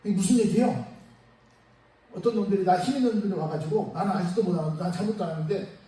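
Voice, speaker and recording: High-voiced pastor preaching in an echoey church. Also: male voice, quick pace. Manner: lively, conversational preaching with rhetorical questions. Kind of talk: sermon. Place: church sanctuary. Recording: echoey church sound from far off, faint noise.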